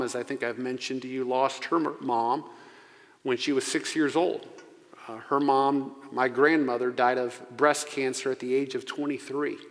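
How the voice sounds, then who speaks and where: A man in his forties preaching a sermon into a pulpit microphone as pastor. He speaks earnestly and slows down to stress key phrases. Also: mid-range voice, a bit bright. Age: 40s. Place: church sanctuary. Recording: long church reverb.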